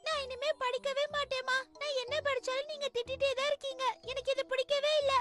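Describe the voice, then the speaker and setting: A very high, sulky little cartoon girl. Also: flat delivery, brisk. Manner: whiny, defiant, complaining. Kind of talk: animated cartoon dub acting. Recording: loud background cartoon music.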